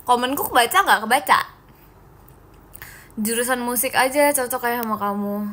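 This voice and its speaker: A woman's voice: a little high, normal speed, fairly bright tone. A young woman chatting playfully and teasing her viewers as she reads live-stream comments aloud. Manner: playful, giggly, teasing, addresses viewers as "guys". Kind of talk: casual live-stream chat reading comments.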